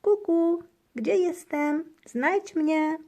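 A woman's voice: extremely high pitch, very slow, voice pushed up, full character voice. A woman voicing a cheerful, playful little girl in a children's storybook. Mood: excited. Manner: excited, bouncy.

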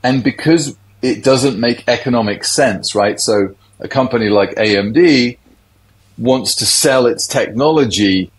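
A man's voice: medium pitch, measured pace, rough recording. A middle-aged man, a tech industry guest, explaining things in a loose, conversational interview.

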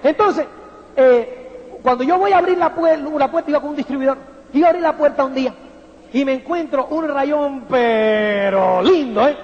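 High-voiced man giving a lively motivational talk. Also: normal speed. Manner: animated, theatrical, asks "¿me entiendes?" constantly. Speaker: motivational speaker. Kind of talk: motivational talk to a live audience. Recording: dull sound with long hall reverb.

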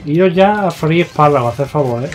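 A young man with a Spain Spanish accent giving excitable, foul-mouthed live gameplay commentary, yelling at his opponents. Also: on the high side, brisk. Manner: excitable, swears a lot, yells at opponents. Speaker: gaming YouTuber. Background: faint game music.

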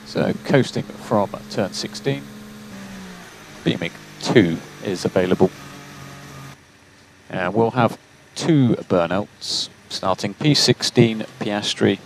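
Low-voiced man, terse pit radio calls. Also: vocal fry. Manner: clipped, calm, procedural instructions. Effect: team radio transmission. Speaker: race engineer on team radio. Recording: noisy radio link with vehicle hum.

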